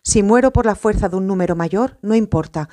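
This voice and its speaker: Woman voicing a blustering, hot-headed apostle man, mellow tone, storybook reading. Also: mid-range voice, a little fast, natural voice. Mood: defiant. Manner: blustering, emphatic. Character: impulsive, fiery male apostle, adult man.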